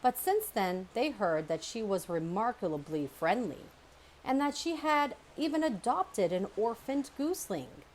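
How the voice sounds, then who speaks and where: A woman narrating a children's book aloud in an expressive storytelling manner. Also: mid-range voice, a little slow, slight background noise. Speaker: storybook reader.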